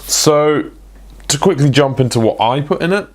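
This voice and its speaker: A man's voice: on the high side, lively intonation, normal speed. A young man presenting a casual tech product review, chatty and full of ums and restarts.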